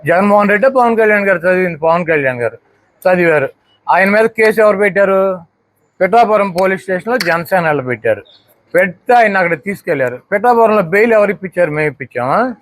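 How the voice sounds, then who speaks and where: A man's voice: sits high, animated, quick pace. A man giving a combative statement to the press, firing off repeated rhetorical questions. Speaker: politician speaking to the press.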